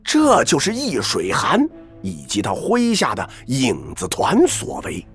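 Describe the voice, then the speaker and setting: An actor playing a wry, middle-aged assassin uncle in an audio drama, talking like a storyteller with lots of interjections. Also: male voice, medium pitch, huge pitch swings, measured pace, gravelly, slightly rough, faint music behind, exaggerated voice. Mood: storytelling. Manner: drawling, storyteller-like, peppered with interjections. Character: wry, theatrical older male assassin uncle, Su Zhe. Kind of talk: audio drama character acting.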